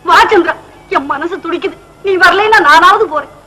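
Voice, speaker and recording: A woman's voice: very high voice, fairly quick, bright, forceful tone, a little hiss or hum, low-quality recording. An actress playing a middle-aged widowed mother who speaks in an emotional, pleading way, in 1950s film acting. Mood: urgent. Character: distressed widowed mother, proud and stubborn.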